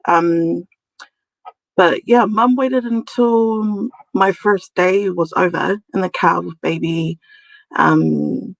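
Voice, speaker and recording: A woman with a Samoan New Zealand accent talks in a loose, informal storytelling way, with a giggly streak. Her mid-pitched voice has noticeable creak, and the sound is very dry. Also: dry recording, poor audio. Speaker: podcast guest, community nurse. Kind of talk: casual conversational storytelling.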